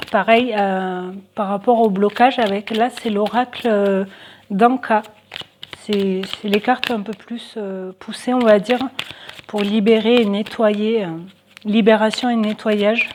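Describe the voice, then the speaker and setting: Slow, hesitant woman reading cards. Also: medium pitch, steady tone, noisy background. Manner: hesitant, many fillers, thinking aloud. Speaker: tarot card reader. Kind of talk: casual card reading for viewers.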